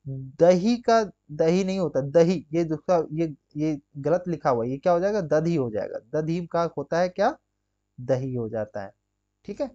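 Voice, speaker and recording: A man's voice: on the high side, animated, a little slow, mellow, dull audio. A man teaching an exam-prep grammar lesson, drilling students with rhetorical questions and constant check-ins. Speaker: Hindi teacher.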